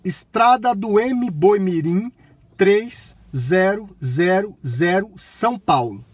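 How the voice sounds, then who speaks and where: Husky Brazilian man giving loud voice-assistant commands. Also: high voice, animated, takes it slowly, no echo. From Bahia, Brazil. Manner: talking to voice assistant in loud, clipped, clearly enunciated commands. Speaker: tutorial presenter, shop owner. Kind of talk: informal hands-on tutorial.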